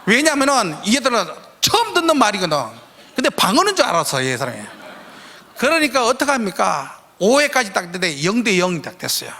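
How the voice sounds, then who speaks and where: A man preaching in a church, telling a story in an animated way and acting out his own shouts. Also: high voice, vocal fry. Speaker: guest preacher. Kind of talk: storytelling sermon. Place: large church hall. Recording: echoey church hall.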